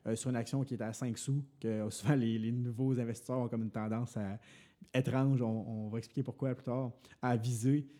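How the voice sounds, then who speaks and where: Young Quebec French male podcast co-host, warm low timbre, rambling casual explainer full of fillers. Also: fairly even intonation, fairly quick. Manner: explains at length with many fillers and restarts. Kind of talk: casual finance podcast talk.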